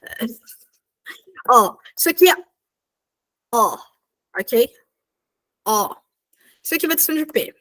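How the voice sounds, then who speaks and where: A woman's voice: fairly high pitch, lively intonation, takes it slowly, long pauses, fairly bright tone. A young woman teaching a language lesson over a video call, chatty, checking in with her students every few sentences. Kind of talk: online class explanation.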